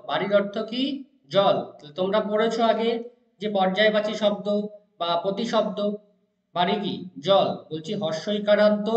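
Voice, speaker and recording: A man with a high voice teaches a class, chanting word forms slowly and answering his own questions. The sound is dull and lo-fi, in an echoey room. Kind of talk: lesson reciting word forms.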